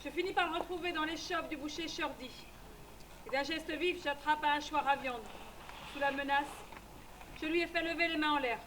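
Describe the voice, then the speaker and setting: A woman narrating in the first person as a tough frontier woman, telling her story briskly and matter-of-factly. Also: high voice, noisy background, natural voice.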